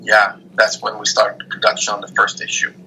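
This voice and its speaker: A Norway-raised comic creator, speaking in a lowish voice with slight background noise, is a guest in a casual interview over a call. He comes across earnest and steady though a bit halting, and the line sounds tinny, like a phone.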